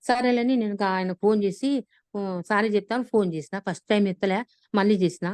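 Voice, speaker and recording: A woman, casually retelling a personal story on a video call, animated and full of restarts. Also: mid-range voice, fast, clean tone, no echo. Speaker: class participant sharing an experience.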